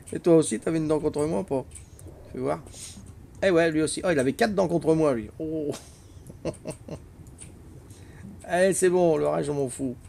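A man's voice: a little high, gravelly, mellow, slight background noise. An older man with a Corsican accent, chatting casually and teasingly with viewers while playing a game on a live stream. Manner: teasing, chatty, peppers talk with "hein".

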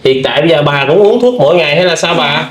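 A man hosting a video, gently questioning an older woman with many fillers. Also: on the high side, expressive, fast talker, reverberant. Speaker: vlog host interviewing. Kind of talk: casual interview.

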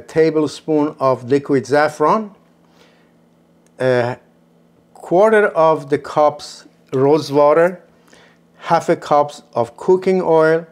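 A man in his sixties with a Persian accent, explaining a home cooking recipe step by step in an unhurried way from his kitchen. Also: a little high, a little mellow. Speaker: cooking show host.

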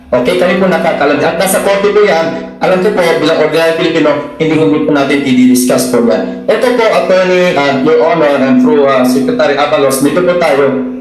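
A man speaking as a church minister at a formal hearing, very deferential with constant "po" and "Your Honor" while pressing pointed questions. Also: a little high. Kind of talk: impassioned formal testimony. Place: large hearing room. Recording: very echoey hall with faint music.

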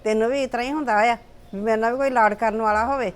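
A middle-aged woman playing a mother who calmly advises her daughter in a short film. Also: a little high, very fast. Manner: soothing, advising. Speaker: mother character.

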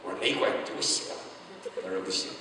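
A male pastor from mainland China, telling a story in an evangelistic sermon, acting out dialogue and breaking into loud exclamations. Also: rapid-fire, slight background noise. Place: large church hall. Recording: echoey hall, voice picked up from a distance.

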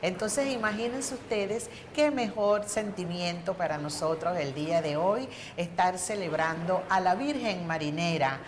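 A woman's voice: on the low side, unhurried, few pauses, background noise. An older woman with a Venezuelan accent hosting a TV studio interview, introducing her guest effusively. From eastern Venezuela. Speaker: TV host.

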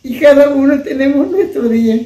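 An older woman, telling a personal story as an interviewee in a halting, soft-spoken way. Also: high-pitched. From Peru. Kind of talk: emotional personal testimony. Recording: roomy, distant mic, faint noise.

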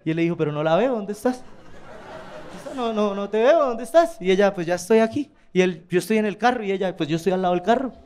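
A man's voice: high-pitched, rapid-fire, few pauses, darkish tone, a little hiss or hum. A man with a Colombian accent performing a stand-up comedy routine, telling crude stories with quoted voices. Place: comedy club stage.

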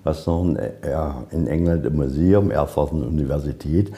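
Talking fairly quickly in a rumbling low, warm voice, a man working as a museum guide shares folksy, informal stories inside a museum. On this guided tour he keeps posing questions and then supplying the answers himself.

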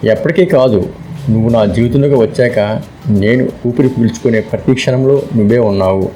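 A man's voice: medium pitch, a little fast, dark tone, slight background noise, close to an everyday voice. A man reading the lines of a devoted young man in love, in a plain storytelling voice. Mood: tender.

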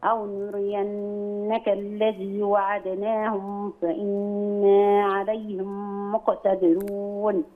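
A woman calling in to recite Quran in a measured way, readily taking corrections. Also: medium pitch, monotone. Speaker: caller. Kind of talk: slow Quran recitation over the phone. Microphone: phone call. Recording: tinny phone line.

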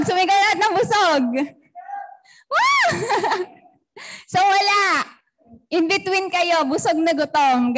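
A very high-pitched woman with a Filipino accent warms up a youth crowd. She is playful and coaxing, cheering and calling out to the group. Her voice sits far above most women's. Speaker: youth fellowship leader. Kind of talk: energetic crowd warm-up.

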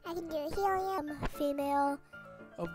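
A woman talking casually while a voice changer morphs her voice from very low to very high. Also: steady tone, normal speed, loud music behind the voice. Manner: chatty, with fillers. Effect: voice changer shifting pitch up and down. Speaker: video creator. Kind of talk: casual app demo.

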